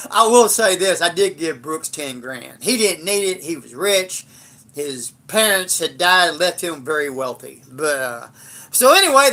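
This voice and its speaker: A man's voice: fairly high pitch, sharp tone. An older man, telling a rambling, blunt and profane story in a casual livestream. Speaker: livestream host.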